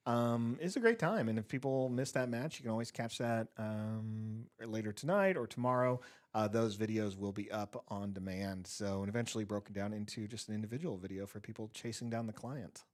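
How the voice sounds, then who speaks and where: A man co-commentating a card game tournament, explaining play in a relaxed, upbeat way. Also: fairly low pitch, a little fast. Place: empty gaming room at a cafe.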